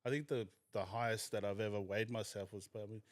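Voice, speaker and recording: A man's voice: fairly low pitch, fairly even intonation, fast, no echo, clean studio sound. A young man from New Zealand, talking candidly and thoughtfully as a podcast guest. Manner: candid, reflective. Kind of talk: casual chat.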